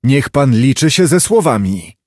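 A man reading an audiobook, voicing a dignified middle-aged lawyer who speaks in a formal, measured, insistent way. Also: mid-range voice, sing-song, a little mellow, dry recording, studio quality. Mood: stern. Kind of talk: audiobook character voice.

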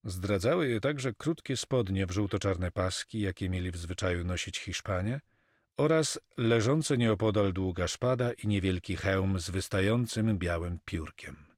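Husky-voiced man narrating an audiobook. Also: low voice, expressive, moderate pace, no echo, studio quality. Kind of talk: scripted narration.

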